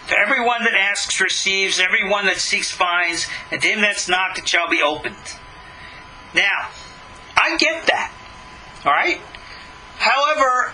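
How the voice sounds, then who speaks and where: A rabbi teaching a class gives a religious lecture, reading scripture and commenting on it emphatically and argumentatively, with rhetorical questions. His voice sits high with a sharp tone. The recording is low quality, with slight background noise.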